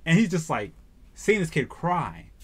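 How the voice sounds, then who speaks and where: Brief: man, anime reviewer, lively slangy storytelling, voice a bit high and bouncing all over. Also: measured pace, husky.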